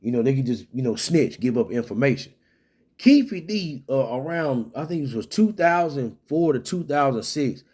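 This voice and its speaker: Male commentator, mid-pitched voice, loose rambling delivery with frequent restarts. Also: dark tone. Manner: rambling, many restarts and fillers. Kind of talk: casual solo commentary.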